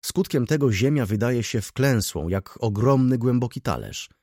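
A man voicing a brooding, jealous middle-aged merchant who thinks gloomily and explains calmly in an audiobook. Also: mid-range voice, moderate pace, no room sound, studio quality, voice pushed up. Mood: explaining.

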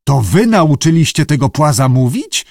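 A man's voice: a little high, sing-song, normal speed, gravelly, a little mellow, no echo, clean studio sound, pitched above the performer's own voice, heavily acted. A man playing a stern, pompous older male zoo director with a clipped manner.

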